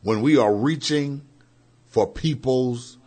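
Husky, fervent male preacher. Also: medium pitch, darkish tone. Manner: fervent, builds emphasis, slows on key words. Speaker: co-host, preacher. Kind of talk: preaching in conversation. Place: radio studio.

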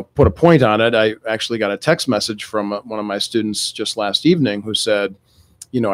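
Male talk-radio host: gravelly and cold-hoarse, lowish pitch, conversational, dry studio sound. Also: no echo. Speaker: radio show host and educator. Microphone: close studio microphone.

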